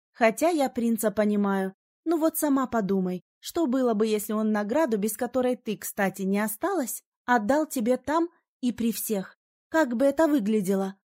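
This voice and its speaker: A woman's voice: fairly high pitch, a little mellow. A woman reading an audiobook, voicing a sly female salamander companion who speaks in a teasing, knowing way.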